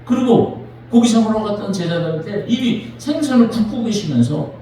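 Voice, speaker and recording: A pastor preaching in a lively, sing-song voice that leaps up and down, high for a man, with a mellow tone. The sermon echoes heavily through the church, picked up from afar with faint room noise. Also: normal speed. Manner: animated, dramatic storytelling. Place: church sanctuary. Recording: echoey church from a distant mic.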